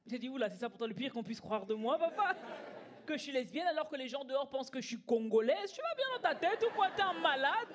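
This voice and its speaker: A young Belgian woman in her early 20s performs live stand-up on a comedy club stage, telling stories in an emphatic, conversational style and acting out the dialogue. Her voice is high and sing-song, and she talks fast. The audience can be heard laughing throughout.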